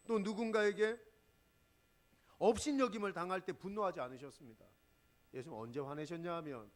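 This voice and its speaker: Emphatic Korean-speaking male pastor preaching. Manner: emphatic, swings from loud exclamations to low quiet asides; rhetorical questions to the congregation. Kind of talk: sermon.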